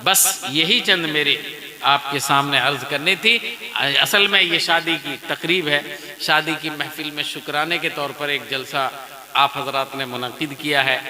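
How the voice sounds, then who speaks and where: A man preaching a storytelling sermon at a wedding gathering, animated and calling the crowd his dear friends. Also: a little high, reverberant. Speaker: Islamic preacher.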